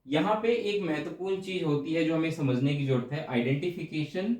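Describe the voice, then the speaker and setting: A man's voice: on the high side, normal speed, darkish tone, roomy sound. A male teacher giving an explanatory exam-prep lecture, going over each point again and checking in with his students. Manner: explanatory, repeats points with frequent check-ins.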